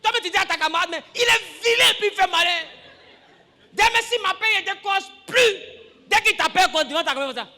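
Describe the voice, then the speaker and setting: High, bright-voiced animated man preaching. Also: brisk, in a large hall. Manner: animated, acts out scenes, shouts and laughs with the congregation. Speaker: pastor. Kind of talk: lively sermon.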